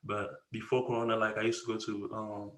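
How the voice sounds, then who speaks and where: A man's voice: on the low side, monotone, fairly quick, fairly bright tone, roomy sound. A man in his twenties from the Congo, a podcast guest talking casually and rambling, with slang and frequent restarts. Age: 20s. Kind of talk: casual conversation.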